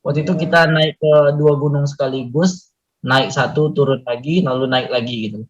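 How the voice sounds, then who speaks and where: A man's voice: mid-range voice, fairly even intonation, moderate pace. A man speaking earnestly and reflectively as a guest in an online community meeting, with frequent fillers, heard over a video call. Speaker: guest poet and mountain climber. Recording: muffled online call audio.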